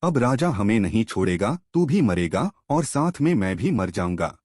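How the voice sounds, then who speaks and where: A man's voice: fairly low pitch, very animated, moderate pace, a little mellow, dry recording, clean studio sound. A man voicing a poor cobbler who panics and scolds, in a storytelling reading. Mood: scolding alarmed. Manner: scolding, alarmed.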